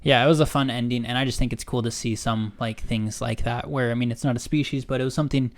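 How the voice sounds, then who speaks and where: A man co-hosting a casual fan discussion podcast, chatty and hesitant, filling pauses often. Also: medium pitch, fairly even intonation. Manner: chatty, hesitant with many fillers. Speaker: podcast co-host.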